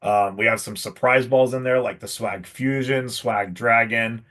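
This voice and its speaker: A man's voice: medium pitch, fairly even intonation, measured pace, a bit bright. A man hosting a casual live stream for a shop, talking in a chatty, salesy way with lots of fillers. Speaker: pro shop host.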